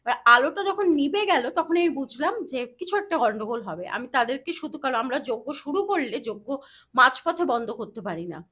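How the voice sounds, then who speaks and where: High-voiced woman telling a dramatic story. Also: big pitch swings, pushed and bright. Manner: dramatic storyteller, chants mantras slowly. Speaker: astrologer guest. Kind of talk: storytelling in a podcast interview.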